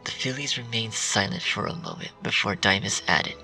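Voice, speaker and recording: Dark fan fiction is read by a man who keeps to a half-whisper, his lowish voice bright in tone with a gravelly edge, moving at a moderate pace. Faint background music plays, and he sounds slightly off-mic.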